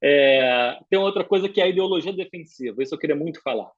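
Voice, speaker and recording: Brazilian male professor, husky, higher register, quick animated delivery, dull video-call sound. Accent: Brazilian Portuguese. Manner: brisk, animated lecturing with frequent filler "é". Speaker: guest speaker, professor. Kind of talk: live webinar lecture.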